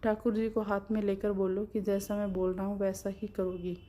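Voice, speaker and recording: A woman's voice: mid-range voice, flat delivery, normal speed, mellow, close to an everyday voice. Woman doing a pushy threatening young man. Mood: insistent. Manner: insistent.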